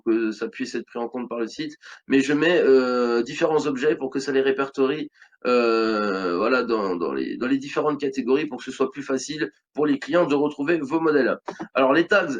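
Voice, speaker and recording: A man's voice: medium pitch, muffled recording. French man explaining a screen tutorial. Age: 30s. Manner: casual, chatty, many fillers and restarts. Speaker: online business tutorial host. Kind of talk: screen-recorded tutorial walkthrough.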